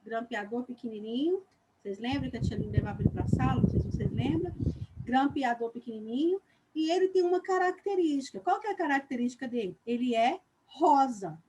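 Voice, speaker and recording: A woman with a Brazilian Portuguese accent teaching young children in a live online lesson. She speaks slowly and deliberately, stretches her words, and checks in often with "ok?". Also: high voice, big pitch swings, mellow, slight background noise, rough recording. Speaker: primary school teacher.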